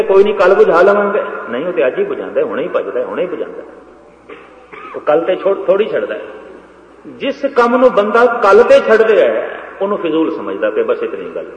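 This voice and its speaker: A man giving a Sikh religious discourse to a congregation, emphatic and repetitive, swinging between loud and soft. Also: on the high side. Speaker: Sikh preacher. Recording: echoey dull lo-fi hall recording.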